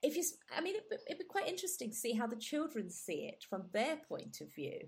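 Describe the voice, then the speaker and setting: This podcast host from England, whose first language is Gujarati, has a slightly high voice with huge pitch swings and a quick pace. Warm and reflective, she runs a casual interview packed with fillers and restarts.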